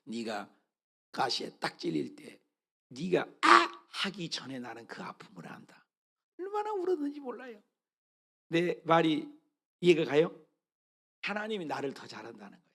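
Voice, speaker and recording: Male pastor, sermon, high voice, gravelly fry, swings from fervent loud reading to soft asides. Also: lively intonation, normal speed. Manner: repeats phrases, asks the congregation questions.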